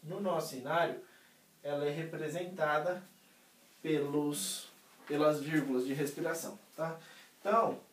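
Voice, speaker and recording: A man's voice: on the high side, steady tone, a little slow, pauses often, distant mic. A man teaching music theory in a casual lesson, explaining step by step, checking in with his students and singing short examples. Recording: roomy, voice somewhat off-mic.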